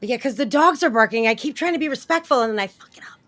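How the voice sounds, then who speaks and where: A woman's voice: sits high, animated, fast, fairly bright tone. A woman speaking as a returning panelist over a group video call, casual and hesitant, with many ums and uhs. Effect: voice heard over a group video call. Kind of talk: casual chat. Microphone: computer mic on a video call.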